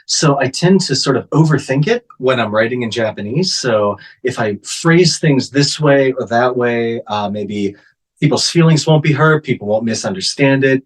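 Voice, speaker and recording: A man interprets for a female interview guest, voicing her answers in the first person at a measured pace with many fillers. His medium-pitched voice is slightly rough, and the audio quality is poor.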